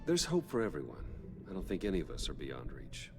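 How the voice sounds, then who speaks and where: An actor playing a calm, reserved wealthy man who speaks low and measured in a video game. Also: gravelly, full character voice. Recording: game audio with reverb and music.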